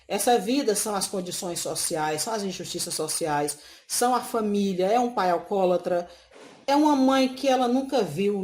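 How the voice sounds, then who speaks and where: A woman teacher, telling classroom stories in a casual interview and often tagging her sentences with "sabe?". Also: fairly high pitch. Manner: expressive, tags sentences with "sabe?". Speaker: schoolteacher, interview guest.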